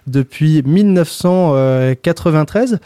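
A man hosting a radio interview, introducing guests and asking halting questions with many fillers. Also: on the high side, mellow, dry recording, studio quality. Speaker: radio host.

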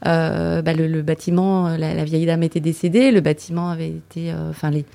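A woman's voice: low voice, steady tone, brisk, vocal fry, warm tone. A woman, a village deputy mayor, describing a local café in a hesitant way, full of fillers and restarts. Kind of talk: radio interview.

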